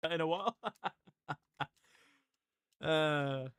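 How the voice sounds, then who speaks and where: A man's voice: on the high side, slow, fairly bright tone, clean tone, no room sound, studio quality. A young man chatting and joking while he streams a video game with a friend. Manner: joking, teasing banter. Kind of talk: casual chat while gaming.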